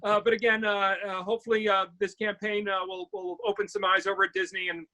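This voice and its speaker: Fast, bright high-voiced eager man. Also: level tone, poor audio. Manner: eager, upbeat. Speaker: actor, interview guest. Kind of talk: casual chat.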